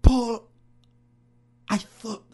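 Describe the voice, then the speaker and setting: A man's voice: drawn-out words, a little mellow. A man, a pastor, earnestly telling his story in an interview, often repeating phrases. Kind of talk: interview testimony.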